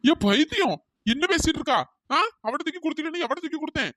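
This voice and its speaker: A voice actor doing a squeaky, exasperated cartoon husband. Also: lively intonation, fast talker, a bit bright, no echo. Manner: scolding, then fawning and pleading. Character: tall husband, exasperated and bickering. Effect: pitch-shifted cartoon voice. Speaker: cartoon character. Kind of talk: comic cartoon dialogue.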